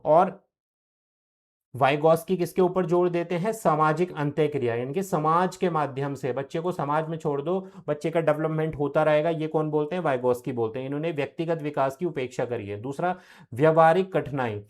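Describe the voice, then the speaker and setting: A man's voice: on the high side, normal speed. A young man giving an exam-prep lecture, who repeats key terms and asks questions that he answers himself. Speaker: teacher.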